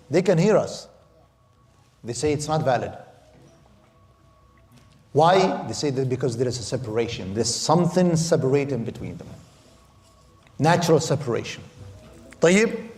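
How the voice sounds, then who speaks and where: A man's voice: fairly high pitch, a little mellow. Arabic-speaking man lecturing in an echoey hall. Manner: explains step by step, mixes Arabic words into English, repeats and restarts phrases. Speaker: Islamic law instructor. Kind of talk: classroom lecture. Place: lecture hall of a mosque center.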